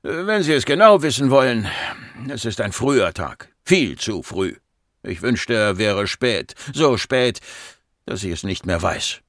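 A man's voice: on the low side, sing-song, unhurried, a bit bright, no echo, studio quality, heavily acted. A man voicing a grieving, irritable doctor in his forties, bitter and agitated, in an audiobook.

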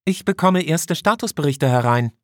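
A man puts on a brisk female communications officer on a starship, giving status reports. Her voice sits well above the reader's own low register and comes out a little louder, in a dry, close recording. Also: expressive, no room sound, close to an everyday voice. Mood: reporting.

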